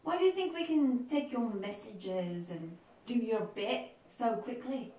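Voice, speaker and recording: A woman's voice: on the high side, lively intonation, a little slow, dark tone. A woman voicing a young dwarven girl who bosses a gang of street kids, with a put-on Scottish accent and a brash, streetwise manner. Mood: explaining. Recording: echoey room, distant mic.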